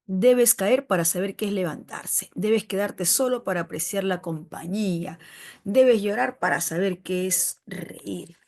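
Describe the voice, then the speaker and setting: A woman's voice: measured pace, darkish tone. A woman teaching an online prep class, greeting students by name and calling them "chiqui" in a casual, affectionate way. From Peru. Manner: acts out quoted relatives in higher voice.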